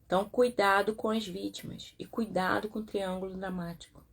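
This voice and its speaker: A woman's voice: medium pitch, little pitch movement, brisk, vocal fry, breathy edge. A Brazilian woman therapist comments on a self-help book in a chatty way, with frequent tag questions and acted-out quotes. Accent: Brazilian Portuguese.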